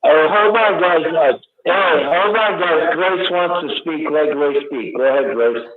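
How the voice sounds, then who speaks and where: A man's voice: a little high, unhurried. A man with a West Coast Californian accent talks casually in a group in a lazy, beachy drawl. His voice comes through a narrow, tinny connection like a phone call. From California, United States.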